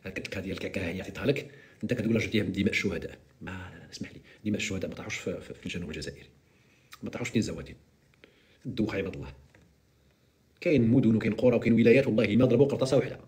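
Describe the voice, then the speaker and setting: Rapid-fire sarcastic Moroccan man. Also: on the low side. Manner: sarcastic, mocking, animated. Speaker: live stream host. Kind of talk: live political commentary.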